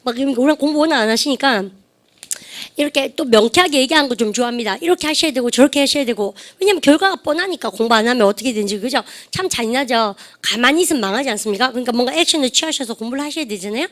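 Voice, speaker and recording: A woman teaching English in a classroom who drills phrases and has students repeat them. She says her model sentences slowly and draws them out. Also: high voice, expressive, a bit bright. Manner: slow, drawn-out model sentences. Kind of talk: classroom lecture.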